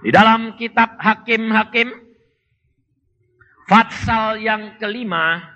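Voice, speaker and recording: A man's voice: high-pitched, takes it slowly. An older man preaching a sermon, telling stories and acting out the voices of the people in them. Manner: animated storytelling preacher, acting out quoted voices. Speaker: pastor. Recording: dull lo-fi sound in a reverberant hall.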